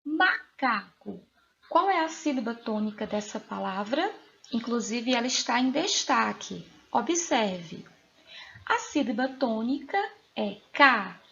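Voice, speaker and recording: A woman with a Brazilian Portuguese accent, a teacher giving a recorded lesson to young pupils, asking them questions slowly and clearly. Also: a little high, animated, a bit bright, dull audio. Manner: slow, clear, questioning delivery to children. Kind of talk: recorded remote school lesson.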